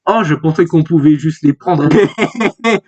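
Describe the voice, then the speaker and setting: A man's voice: on the high side, a little slow, a little mellow. A man voicing a naive, carefree teenage boy hero in a manga reading. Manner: innocent, surprised.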